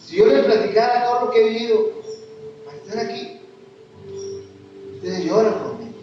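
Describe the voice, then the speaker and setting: A man's voice: extremely high pitch, moderate pace, soft background music. A man with a Mexican accent preaching a sermon, pressing his listeners with repeated rhetorical questions. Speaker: pastor. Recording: echoey hall, distant mic, dull sound.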